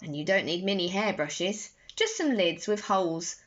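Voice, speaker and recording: Reading a bedtime story for children, this young adult woman speaks slowly and expressively with deliberate, lively phrasing. Her pitch is on the low side. It was captured indoors in a bedroom on a phone at arm's length, and the audio is a bit dull.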